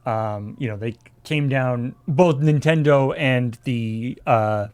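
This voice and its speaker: A man co-hosting a relaxed talk show. He speaks haltingly with frequent fillers and drops dry jokes along the way. His pitch sits in a middle range for a man. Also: clear, resonant tone. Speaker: co-host. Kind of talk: casual discussion.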